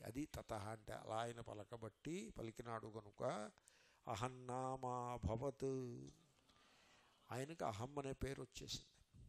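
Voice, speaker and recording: A man with a gravelly voice at a middle pitch, teaching scripture. He explains each point in turn and poses questions to his listeners. He slows down to recite Sanskrit verses. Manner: explains step by step with rhetorical questions. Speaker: Vedanta teacher. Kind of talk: scripture lecture.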